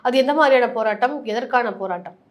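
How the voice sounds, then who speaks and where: A woman reporter pushes an interview forward with pointed questions, talking quickly in a fairly high voice. She stays polite throughout, addressing her guest as sir.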